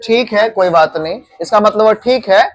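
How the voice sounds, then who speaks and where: A man's voice: high-pitched, moderate pace, dry recording. Male teacher, classroom lesson, repeats and quizzes, dry close sound. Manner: repeats key words and quizzes students.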